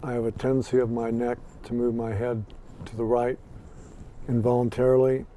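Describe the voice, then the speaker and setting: There's a warm tone to this man's medium-pitched voice as he answers interview questions at a moderate pace, flat and plainspoken with dry humor. In his sixties, he has an American accent, though he was born in Scotland and raised in Ireland and Los Angeles. Slight background noise is present.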